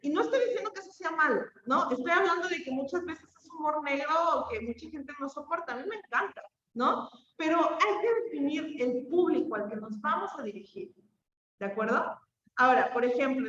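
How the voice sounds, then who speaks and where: A woman's voice: high-pitched, echoey room, muffled recording, a little hiss or hum. A woman with a Mexican Spanish accent teaching an online class in a chatty way, often checking in with her students. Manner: chatty, checks in with frequent questions.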